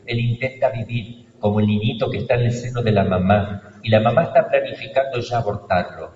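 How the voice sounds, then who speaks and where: An Argentine priest preaches a sermon with emphatic stresses and quiet asides. His voice is heard from a distance in a long, echoing church. The sound is dull, with faint noise behind it. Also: medium pitch. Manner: emphatic preaching, swings between loud stresses and hushed asides.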